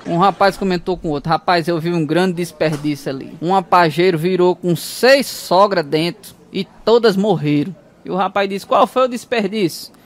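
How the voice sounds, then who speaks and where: A man's voice: high voice, moderate pace, hardly any pauses. A man telling mother-in-law jokes, chuckling through his punchlines and acting out the voices. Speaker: stand-up comedian.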